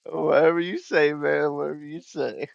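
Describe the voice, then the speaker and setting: A man's voice: on the high side, level tone, moderate pace, vocal fry, dry recording, dull audio. A man in a casual gaming voice chat, easygoing and joking, grumbling about how the match went. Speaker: gamer on stream. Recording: faint background noise.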